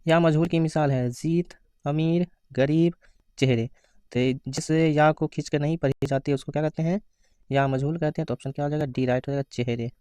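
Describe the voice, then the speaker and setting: A man giving an exam-prep grammar lesson, asking questions and answering them himself, reading out the answer options slowly. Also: on the high side, fairly even intonation, dark tone, clean tone, no echo. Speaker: teacher.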